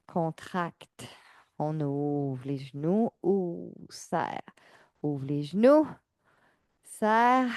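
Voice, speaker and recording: A woman fitness instructor, giving calm, measured exercise cues and counting reps. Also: on the low side, no room sound. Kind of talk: guided exercise class cues.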